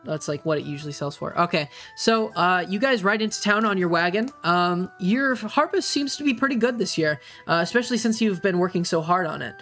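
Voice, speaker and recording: A game master improvising tabletop narration in a hesitant, halting way, searching for words. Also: mid-range voice, expressive, a bit bright, soft background music.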